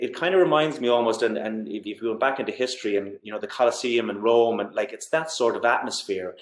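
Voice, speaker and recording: Male sports interviewee, west of Ireland accent, conversational and enthusiastic, average pitch, roomy echo. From Galway, west of Ireland. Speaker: interview guest. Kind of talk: casual sports chat. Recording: roomy, echoey sound.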